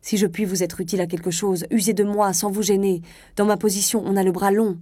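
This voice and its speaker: A woman reading a story aloud, voicing a pompous, self-important male state official who talks loudly and eagerly. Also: medium pitch, fairly even intonation, fast, dry recording, studio quality, close to an everyday voice. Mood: boastful. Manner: boastful, bossy, loud and eager.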